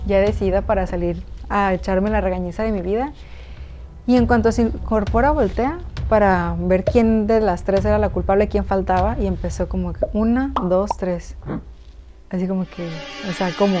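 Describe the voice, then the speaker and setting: A woman's voice: mid-range voice, moderate pace. A young woman with a Mexican accent, chatting to her viewers as she tells a personal story, with many fillers. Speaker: YouTuber telling a personal story. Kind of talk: casual storytime narration. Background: background music.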